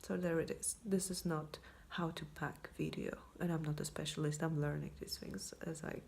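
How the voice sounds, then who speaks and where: A low-voiced woman, talking in a quiet, often whispered night-time hush. Her voice is gravelly with fry and sounds tired. She rambles in a self-deprecating way, speaking casually up close to a phone. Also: fairly even intonation, moderate pace, a little hiss or hum. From Poland. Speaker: vlogger. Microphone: iPhone, leaning in close.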